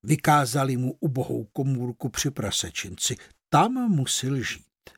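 Fairy tale narrator, expressive storytelling, husky voice, very lively pitch, dry close sound. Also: no room sound. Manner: expressive storytelling, slows for emphasis.

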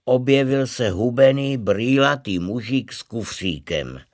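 A man reading a short story aloud in a calm, measured storytelling manner. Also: mid-range voice, no echo, studio quality. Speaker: reader. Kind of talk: literary reading.

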